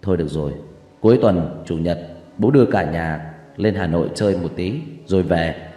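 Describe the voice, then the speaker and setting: A man's voice: sits low, normal speed, warm tone, echoey room, in a large hall, voice pushed down, lightly acted. A man reading a horror story aloud voices a curt, no-nonsense father who gives short commands. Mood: reassuring. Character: curt, gruff village father.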